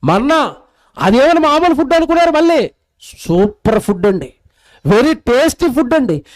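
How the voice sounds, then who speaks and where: A man preaching a sermon in a lively storytelling way, acting out the voices of the people in his story. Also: very high voice, normal speed, low-quality recording. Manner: animated storytelling, acts out quoted voices.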